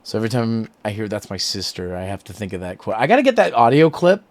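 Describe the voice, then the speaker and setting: A man streaming a game, chatting casually, laughing often and rambling in an animated way. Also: on the low side, quick pace. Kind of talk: casual chat over a game.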